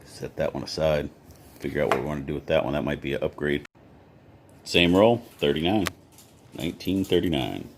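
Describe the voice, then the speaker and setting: A man's voice: rumbling low, a little fast, pauses often, noisy background. A man chatting casually in a hobby vlog as he sorts coins and reads off their dates one after another. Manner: easygoing, talks while sorting, lists coin dates. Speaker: coin collector vlogger.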